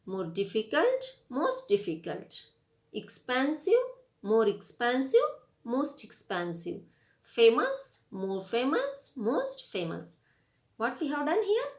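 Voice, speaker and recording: A woman with an Indian English accent giving a grammar lesson, spelling words out letter by letter and reading word lists. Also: on the high side. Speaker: English teacher. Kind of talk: classroom grammar lecture.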